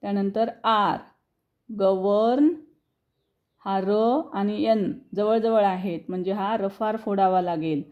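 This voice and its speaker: A woman teaching English reading to students, spelling words out letter by letter and then explaining in quick bursts, checking often that they follow. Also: medium pitch, fairly even intonation, lo-fi sound. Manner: addresses students directly, checking understanding.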